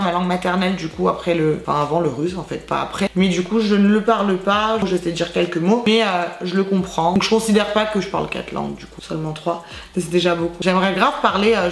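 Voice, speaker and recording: A woman's voice: mid-range voice, echoey room. A woman in her twenties, from Azerbaijan, chatting playfully and self-mockingly with her viewers in a casual vlog. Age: 20s. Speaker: YouTuber.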